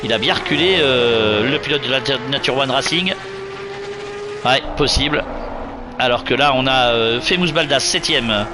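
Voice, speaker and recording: A man's voice: mid-range voice, normal speed. A man working as a motorsport commentator, calling a live race play-by-play with urgent warnings and recaps of the standings. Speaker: motorsport commentator for an online sim racing league. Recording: clear car and engine noise. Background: racing car sounds.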